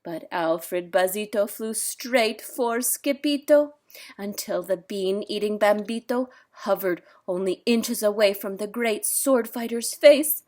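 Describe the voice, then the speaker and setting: A woman's voice: mid-range voice, slow pace, darkish tone. A woman reading a picture book aloud at storytime, stopping now and then to explain the story to young listeners. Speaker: children's book reader.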